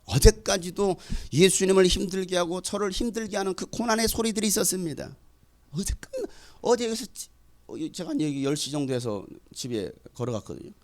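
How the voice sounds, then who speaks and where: A middle-aged man preaching a sermon in a high, highly animated voice. He moves from conversational storytelling to fervent, loud exhortation, his pitch leaping up and down. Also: brisk. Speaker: pastor.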